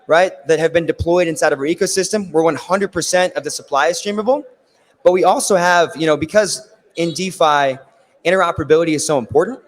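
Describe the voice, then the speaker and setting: Raspy man presenting in a hall. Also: fairly high pitch. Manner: explanatory, uses "right?" often. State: losing his voice. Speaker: conference speaker. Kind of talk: technical presentation. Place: conference stage in a large hall. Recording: long hall reverb.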